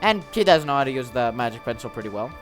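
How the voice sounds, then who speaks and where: A man's voice: medium pitch, sing-song, fast, soft background music. A man giving casual, rambling game commentary as a video host, often correcting himself as he goes.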